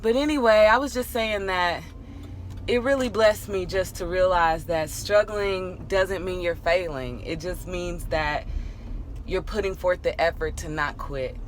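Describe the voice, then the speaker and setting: A woman's voice: fairly low pitch, a little slow. A woman speaking to her vlog in an earnest, encouraging, casual way. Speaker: vlogger. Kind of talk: casual heartfelt vlog chat. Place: outdoors. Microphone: handheld phone. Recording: noisy outdoor phone recording.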